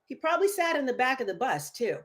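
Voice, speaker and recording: A middle-aged woman, a guest on an interview show, telling stories with a lively voice that rises as she gets excited. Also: high voice, quick pace. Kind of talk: storytelling interview.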